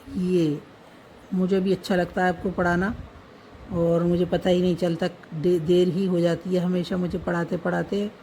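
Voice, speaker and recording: Slow, gravelly-voiced woman teacher. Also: fairly low pitch, warm tone, slight background noise, low-quality recording. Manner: spells out letters one by one, repeating words. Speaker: language teacher. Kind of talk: slow step-by-step writing lesson.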